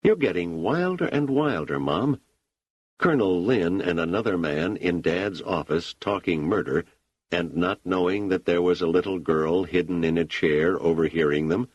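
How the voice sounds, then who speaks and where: A man's voice: low voice, moderate pace, darkish tone, husky, dry recording, lo-fi sound, voice pushed down. A man reading an audiobook, voicing a skeptical grown son who talks bluntly with dry sarcasm. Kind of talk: audiobook character voice.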